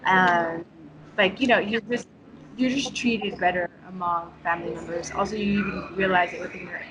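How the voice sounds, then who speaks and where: An interview guest from New York, United States, talks casually and frankly in a fairly low, steady voice at normal speed, with many fillers and restarts. The background is noisy.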